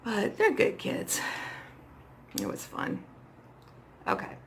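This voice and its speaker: This middle-aged woman, a makeup vlogger, has a hoarse, creaky voice and talks to herself casually as she works on a tutorial. She speaks slowly at a medium pitch with huge swings in intonation. There is slight background noise in her small indoor setup with a dark backdrop.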